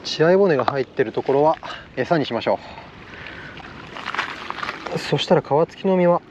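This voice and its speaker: Cheerful fishing vlogger, male, slight Kansai accent, animated pitch, outdoor recording with clear background noise. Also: normal speed, highs cut off. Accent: slight Kansai dialect. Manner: upbeat, excitable, laughs often. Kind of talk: casual outdoor vlog narration. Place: outdoors on an island shore.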